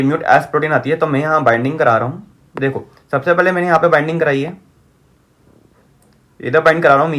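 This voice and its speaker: High-voiced man lecturing in English. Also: fairly bright tone. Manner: repeats key terms, asks the class rhetorical checks. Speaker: teacher. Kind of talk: whiteboard lecture.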